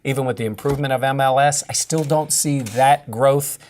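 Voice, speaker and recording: A man with a middle-pitched voice gives his views on a sports radio panel. He talks in a measured, explanatory way. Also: fairly even intonation, darkish tone. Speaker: sports broadcaster guest. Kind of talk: sports talk analysis.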